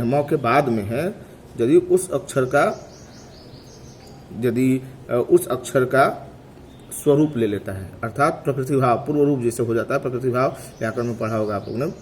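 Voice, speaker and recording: A man's voice: mid-range voice, a little mellow, a little hiss or hum. Man teaching grammar, quizzing himself. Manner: asks questions and answers them himself; repeats terms slowly to drill them. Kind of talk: classroom lecture.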